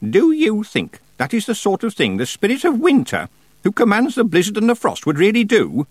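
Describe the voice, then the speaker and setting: A man's voice: high voice, wildly swooping pitch, moderate pace, no echo, pitched above the performer's own voice, heavily acted. Imperious old witch woman, snaps orders in a raised voice; male narrator plays her. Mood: stern. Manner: imperious, snapping. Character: old blind witch woman, stern and sharp.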